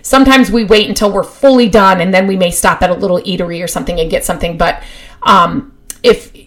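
A woman hosting a podcast, giving casual, practical advice in a chatty way, with many fillers and restarts, and getting excited about her topic. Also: fairly low pitch, quick pace. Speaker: podcast host.

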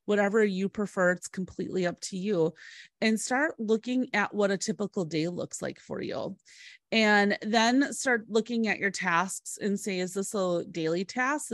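A woman's voice: mid-range voice, no room sound. Dry-sounding woman giving practical coaching advice. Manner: instructive, organized, direct address to listener. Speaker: podcast co-host and business coach. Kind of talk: practical step-by-step advice talk.

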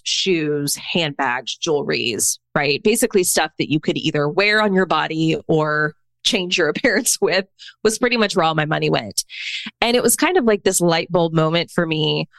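Here a deep-voiced woman with a fairly bright tone chats as a podcast guest in her thirties. She's candid and conversational, leaning on "like" and "right?" as she tells her stories, and the audio is dry.

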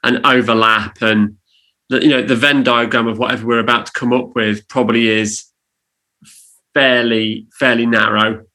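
A man's voice: medium pitch, level tone, moderate pace, bright, forceful tone, low-quality recording. A man co-hosting a casual podcast chat, giving advice in an earnest, emphatic, coaching way. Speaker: podcast co-host on church leadership.

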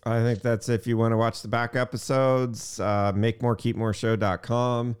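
A man co-hosting a podcast in relaxed casual chat, with many fillers. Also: mid-range voice, normal speed, clear, resonant tone. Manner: relaxed, easygoing, filler-heavy. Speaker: podcast co-host.

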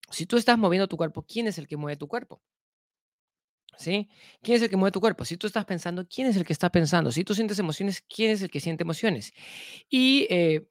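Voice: mid-range voice, dry recording, clean studio sound. A speaker giving a spoken self-help lesson who keeps repeating key phrases, asks rhetorical questions and leans often on "entonces" to link ideas.

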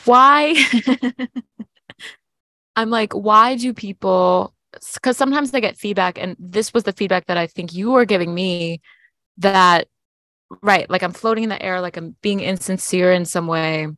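A woman in her twenties, a podcast guest, talking in a meandering, animated, self-questioning way on a video call. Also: medium pitch, unhurried, no room sound, clean studio sound. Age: 20s. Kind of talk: reflective podcast conversation.

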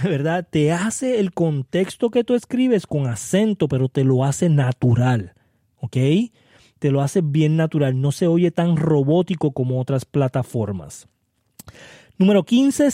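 A man's voice: a little high, warm tone, no echo, studio quality. A man hosting a casual podcast, chatty and repetitive, often checking in the listener and mixing in words. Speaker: podcast host. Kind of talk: casual podcast talk on marketing tools.

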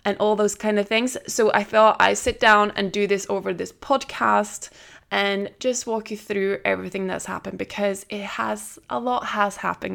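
A woman's voice: mid-range voice, gravelly, fairly bright tone. A woman hosting a solo podcast, chatting casually with frequent laughs and restarts. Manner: chatty, laughs between phrases, restarts often. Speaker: podcast host. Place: recording away from home.

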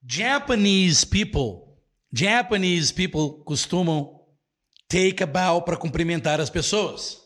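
Slow, animated Brazilian English teacher. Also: male voice, high voice. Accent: Brazilian Portuguese. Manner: slow, repeats every phrase, switches between English and Portuguese. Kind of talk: live online English lesson.

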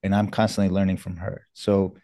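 A middle-aged man from New York talks as a guest in a casual interview, earnest and a little self-deprecating. His voice sits low and warm. The recording is close and dry, with little room sound. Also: level tone, fairly quick, no echo. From New York, USA. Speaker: guest surgeon.

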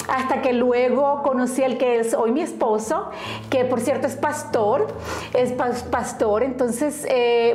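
A woman's voice: fairly high pitch, darkish tone. A woman from Colombia with a Colombian accent, a guest author telling her story in an earnest, reflective way. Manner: earnest, reflective, with fillers and restarts. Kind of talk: personal storytelling in interview. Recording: roomy echo.

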